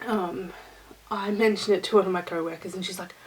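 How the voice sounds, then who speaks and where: A woman's voice: mid-range voice, steady tone, brisk, poor audio. A woman hosting her own knitting vlog, talking to camera in a rambling, easygoing chat. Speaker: knitting vlogger.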